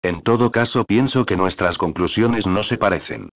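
A man's voice: on the low side, moderate pace, close to an everyday voice. A man voicing a bitter, scheming old nobleman who mocks and scolds his son. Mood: scornful. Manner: scolding, mocking.

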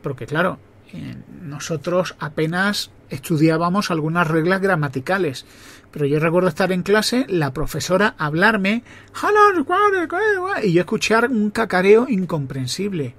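High-voiced Spanish man telling stories. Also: moderate pace. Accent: Spain Spanish. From Spain. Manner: reminiscing, conversational, with self-corrections. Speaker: podcast host. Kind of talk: personal storytelling monologue.

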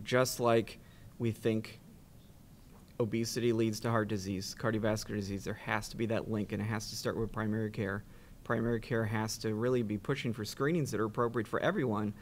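A man's voice: on the low side, fairly even intonation, moderate pace, a little hiss or hum. A middle-aged man on a studio panel, explaining in a plain way with some fillers. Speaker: oncologist on a panel. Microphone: desk mic.

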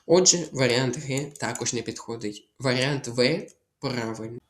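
A man giving a language exam walkthrough lesson as a tutor, talking slowly and deliberately, repeating words, spelling out letters and telling listeners to memorize rules. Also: mid-range voice.

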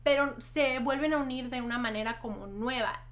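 A woman's voice: fairly high pitch, normal speed, a bit bright. A young woman chatting casually to camera as a vlog host, explaining things emphatically and repeating words for stress. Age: young adult. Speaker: YouTube host and hypnotherapist. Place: small decorated room at home, indoors.

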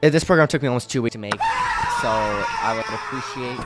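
A man's voice: medium pitch, fairly quick, raised voice. A young man giving casual, rambling gameplay commentary as a video creator, talking like a hyped gamer bro. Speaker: video creator demonstrating his own program. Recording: music playing underneath.

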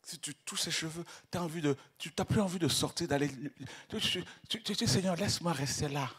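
Fervent preacher man, high and bright. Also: fairly quick, breathy edge. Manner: swings from hushed whispers to shouted exclamations; repeats words and stammers in fervor. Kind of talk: ecstatic sermon.

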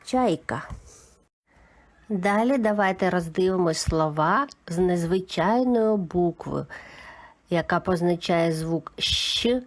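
A woman giving a calm, methodical lesson for young children, naming each sound of a word one by one. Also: on the low side, takes it slowly. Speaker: teacher. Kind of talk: slow, patient children's literacy lesson.

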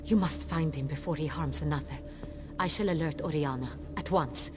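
A woman's voice: low voice, moderate pace, natural voice. An actress playing a regal noblewoman traveling incognito in a video game, speaking in formal, commanding lines. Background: game music.

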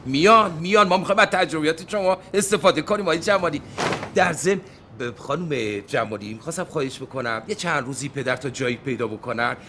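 An actor playing a young son and office boss who speaks politely and formally, trying to placate others, in a sitcom. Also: male voice, a little high, animated, sharp tone, a little hiss or hum. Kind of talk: sitcom acting.

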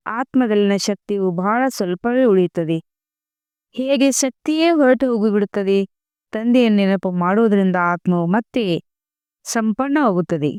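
A woman reading a devotional spiritual discourse aloud in a slow, measured recitation with emphatic pauses. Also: medium pitch, darkish tone, clear, resonant tone, no echo, studio quality. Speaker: murli reader.

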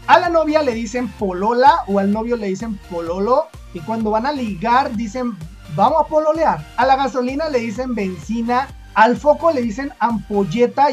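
A Mexican woman with a Mexican accent, hosting her video in a chatty, explanatory way and thinking aloud. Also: a little high. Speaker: video host. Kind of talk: casual explanatory commentary.

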